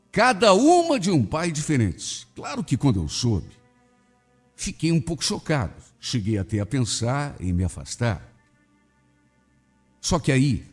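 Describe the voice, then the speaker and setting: A male radio host reading a listener's love story aloud in an expressive, dramatic storytelling manner. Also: mid-range voice, husky, big-room sound. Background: soft background music.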